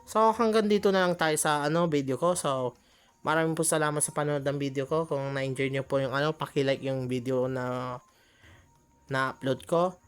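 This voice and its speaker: A woman's voice: sits low, moderate pace, clean tone, soft background music. A woman giving chatty gameplay commentary, often exclaiming and laughing at her own mistakes. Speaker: gaming channel host.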